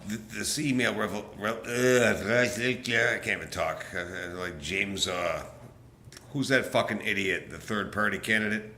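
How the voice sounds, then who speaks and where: A man's voice: on the low side, measured pace, pushed and bright, echoey room, a little hiss or hum. A man ranting to camera in an angry, profane, rambling way, stumbling and restarting. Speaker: political vlogger. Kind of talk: casual rant to camera.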